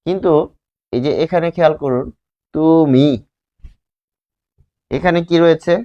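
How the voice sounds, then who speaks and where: A man teaching a grammar lesson, explaining slowly and repeating words while drawing out their sounds. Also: fairly high pitch, warm tone, lo-fi sound.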